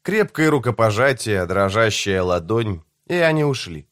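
A man giving a measured, deliberate first-person reading of a novel as an audiobook narrator. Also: lowish voice, sing-song, a bit bright, no room sound, clean studio sound.

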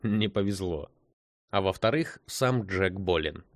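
A man narrates an audiobook in a measured, steady way. His voice sits fairly low, and the recording is dry and close with no room sound. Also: no echo.

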